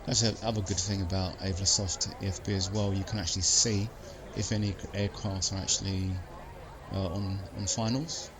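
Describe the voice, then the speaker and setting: A man's voice: low-pitched, flat delivery, normal speed, crowd noise. A man narrating a simulated flight as the pilot, mixing casual commentary with clipped, matter-of-fact cockpit callouts and radio calls. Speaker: flight sim pilot streaming. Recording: clearly noisy background.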